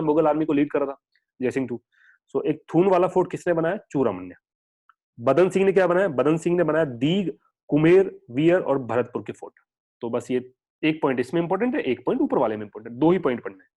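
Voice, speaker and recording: A man's voice: on the high side, dark tone. A young man teaching an exam-prep history lesson in a chatty, digressive way, mixing English terms into his talk. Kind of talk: casual online lecture.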